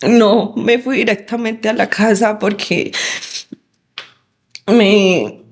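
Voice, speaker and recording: Woman, interview testimony, slow and halting, many pauses. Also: mid-range voice, fairly even intonation. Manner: halting, recounting with frequent pauses. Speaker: victim's daughter.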